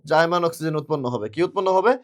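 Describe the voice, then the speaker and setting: A man's voice: fairly high pitch, racing. A male chemistry teacher giving a classroom lecture, who asks questions, answers them himself and repeats the key words.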